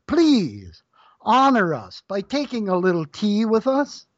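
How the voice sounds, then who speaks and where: A man's voice: high-pitched, wildly swooping pitch, takes it slowly, no room sound, voice pushed up, heavily acted. A narrator voicing an anxious, courteous village father. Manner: pleading, courteous. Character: grateful middle-aged village father. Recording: dull lo-fi dry recording.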